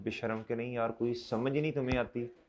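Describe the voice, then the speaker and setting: A male accountancy lecturer, scolding his students and urging them to take their tests, dropping low and then rising loud. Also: fairly even intonation, brisk. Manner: scolding, exhorting, switches between soft and loud.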